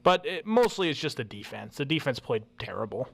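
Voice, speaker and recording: A man's voice: mid-range voice, sing-song, a little fast, creaky, a bit bright. A young man co-hosting a casual sports talk show, joking and often restarting his sentences. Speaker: co-host.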